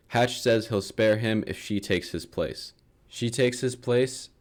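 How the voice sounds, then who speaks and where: A young man with a lowish voice tells a book's story as comedy, dry and sarcastic, dropping swear words and chuckling at his own jokes. He reads from a script but keeps it loose and chatty. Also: a little mellow. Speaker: comedic book summarizer.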